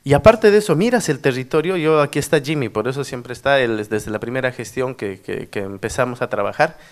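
A man's voice: medium pitch, a little fast. A middle-aged man from the Cusco region, a former mayor telling stories in a workshop talk and often tagging his sentences with a question. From Peru, Cusco region. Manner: animated storyteller with frequent tag questions. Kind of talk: anecdotal conference talk.

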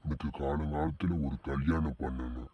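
A man voicing a grumbling old village father in a cartoon, husky and very low. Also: steady tone, normal speed, muffled recording, noisy background. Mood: nagging. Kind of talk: cartoon voice acting.

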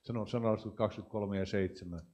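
A man's voice: fairly low pitch, steady tone, darkish tone, lo-fi sound. A man preaching and praying for healing, with fervent, repeated declarations. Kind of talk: healing prayer and prophetic words.

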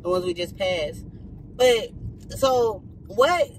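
Young man, chatty and teasing, higher voice, vlogging from the driver's seat. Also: big pitch swings, takes it slowly, slight background noise, poor audio. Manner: chatty, teasing, talks straight to viewers. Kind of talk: casual chat while driving. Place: car.

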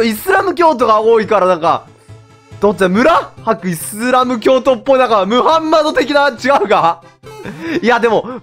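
Excitable male game streamer, very high voice, bouncy delivery, background music under him. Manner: excitable, laughing, talks to himself. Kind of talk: casual gameplay commentary.

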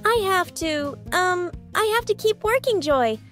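Brief: a woman playing a stammering, jittery cartoon emotion, very high voice that leaps around. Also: lively intonation, a little slow, fairly bright tone, soft background music, heavily acted. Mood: exhausted. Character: frantic overworked female emotion Anxiety. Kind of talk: fan comic dub.

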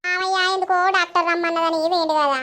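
A woman's voice: extremely high pitch, fairly even intonation, fast talker, bright, forceful tone. A woman as a grumbling village mother-in-law. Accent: Telangana Telugu. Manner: fretting, grumbling chatter.

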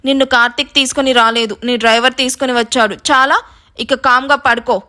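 A woman's voice: sits high, flat delivery, brisk, sharp tone. A woman voicing an impatient young male doctor scolding a stubborn patient.

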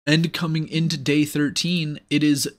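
A man's voice: fairly high pitch, level tone, moderate pace. A man giving a casual, analytical voice-over breakdown of sumo matches, upbeat and with playful asides. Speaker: sumo commentator. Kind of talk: casual play-by-play video breakdown.

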